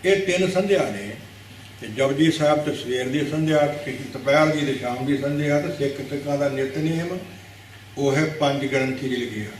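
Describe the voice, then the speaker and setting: A Sikh preacher giving a religious discourse, teaching didactically, repeating words to correct pronunciation and asking rhetorical questions. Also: male voice, mid-range voice, normal speed, slight background noise. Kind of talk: religious discourse explaining scripture. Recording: very echoey hall, mic at a distance.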